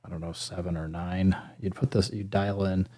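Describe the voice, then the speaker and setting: In this casual gear tutorial, the host's voice is dark and flat, moving at a moderate pace. He thinks out loud as he handles the equipment, sounding unsure and self-deprecating. Behind him you can hear synth pad and bass sample demos.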